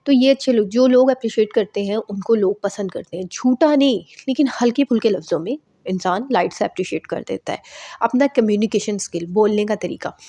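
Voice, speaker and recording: A woman talks straight to the camera, handing out advice in a chatty, looping way and sprinkling in English words. Her voice sits at an ordinary middle pitch for a woman. It is recorded close and dry, with no room sound around it. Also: brisk, dark tone, no room sound. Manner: chatty, repeats herself, mixes in English words. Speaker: vlogger giving advice. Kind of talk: casual advice talk to camera.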